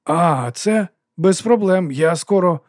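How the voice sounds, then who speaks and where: A jittery, penny-pinching promoter, as a male reader puts him on, voice pushed up high and tight. He babbles fast about costs and shrinks at any talk of giving things away. Storybook reading, dry close sound. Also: lively intonation, darkish tone, no room sound. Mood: nervous. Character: nervous greedy male concert promoter.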